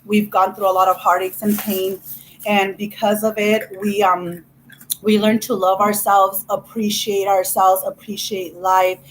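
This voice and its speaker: A woman's voice: medium pitch, level tone, unhurried, slight background noise, low-quality recording. A woman vlogger chatting casually, rambling and effusive with many restarts. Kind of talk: casual chat.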